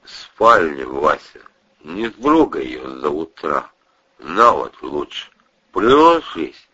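A man's voice: a bass voice, very animated, slow, bright, forceful tone, husky, pitched below the performer's own voice, full character voice. A man voicing a burly, hot-tempered cousin who bellows and curses, on a muffled lo-fi recording. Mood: drunken hush. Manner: bellowing and cursing.

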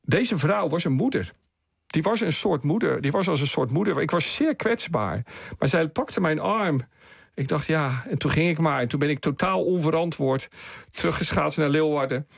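A man's voice: fairly high pitch, moderate pace, creaky, husky, no room sound. A man, a studio guest on night radio, telling a long anecdote and acting out the people in it. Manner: animated storyteller acting out quoted people.

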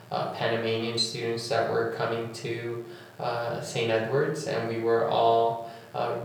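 A man's voice: medium pitch, gravelly. A young man from Nicaragua and Honduras, a university staff member and alumnus, talking earnestly about his school in an oral history interview, with many fillers. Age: young adult. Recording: echoey room with faint hum.

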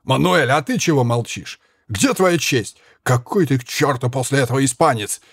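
A man voicing a hot-tempered, drunk Spanish soldier who shouts and curses in slurred bluster. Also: mid-range voice, animated, normal speed, husky, dry recording, clean studio sound. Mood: raging.

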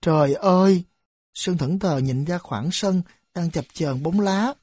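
Woman, audiobook narration, dark husky voice, dry close sound. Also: on the low side, measured pace, no echo. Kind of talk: scripted narration.

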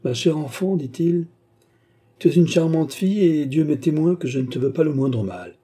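A man playing a cold, scheming English baronet who speaks with mocking, false affection in a husky voice. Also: fairly high pitch, lively intonation, normal speed, dark tone, voice pushed up. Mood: coldly sweet.

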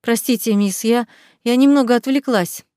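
A woman voicing an excitable, chatty young female maid in a storybook reading, breathless and exclaiming. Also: a little high, normal speed, no echo, clean studio sound, lightly acted. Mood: eager.

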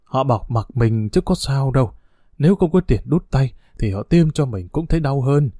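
Frail bedridden old woman, read by a male narrator: weak murmur, low and soft, dry close sound. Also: lively intonation, moderate pace, dry recording, natural voice. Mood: weary. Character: frail old woman, sick in a hospital bed.

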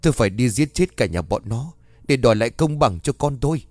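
A man voicing a gruff, hot-tempered old father. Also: mid-range voice, expressive, brisk, a little mellow, no echo, clean studio sound, close to an everyday voice. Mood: angry. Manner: gruff and scolding.

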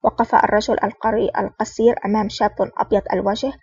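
Woman narrator, audiobook reading, fast, monotone, husky, distant, muffled recording. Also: medium pitch, no echo. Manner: fast, steady reading with small restarts. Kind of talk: audiobook reading of a spy novel. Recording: dull, distant, dry recording.

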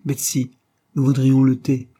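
A man's voice: medium pitch, completely flat delivery, measured pace, mellow, slightly rough, voice pushed up. A man voicing an anxious young wife and mother in an audiobook, urgent and pleading. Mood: calm.

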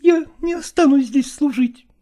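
A woman's voice: high voice, unhurried, dark tone. A woman voicing a stubborn young novice actress in an audiobook drama, insistent and pleading.

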